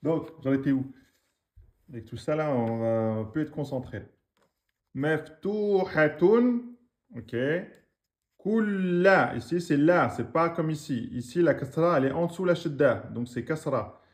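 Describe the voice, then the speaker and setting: A man teaching a reading lesson, slowly drilling words syllable by syllable, with quick asides in between. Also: fairly high pitch, darkish tone. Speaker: Arabic teacher.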